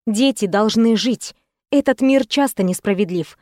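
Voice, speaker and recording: A woman narrating an audiobook in the first person with a steady, expressive reading. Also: a little high, measured pace, dry recording, studio quality.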